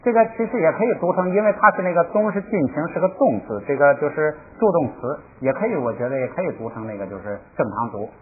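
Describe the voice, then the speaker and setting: A man's voice: on the high side, expressive. Male teacher on a tinny line. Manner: thinks aloud with many fillers, repeats words slowly for practice. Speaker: language teacher. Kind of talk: casual spoken lesson. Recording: tinny phone-like audio with faint hiss.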